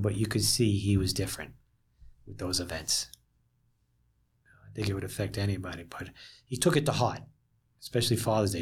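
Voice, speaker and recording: A man recollecting in an interview, plainspoken and halting, repeating phrases for emphasis in a gravelly, husky voice. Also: on the low side.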